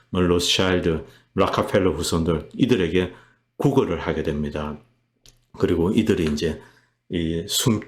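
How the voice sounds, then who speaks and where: Brief: male host, deep voice, emphatic solo commentary, dramatizes quotes. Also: darkish tone. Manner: emphatic, reenacts quotes in a heated voice. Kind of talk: political commentary monologue.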